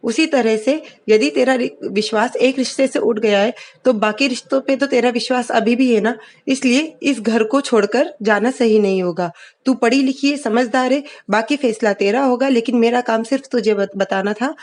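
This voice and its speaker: A woman reading the lines of a calm, wise middle-aged mother who reasons patiently with her family, in a TV serial retelling. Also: a little high, normal speed, close to an everyday voice. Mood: calm advice.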